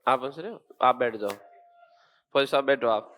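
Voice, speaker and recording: A man's voice: medium pitch, moderate pace, a bit bright. A male teacher giving a geography lesson in a classroom, quizzing students and then explaining points firmly.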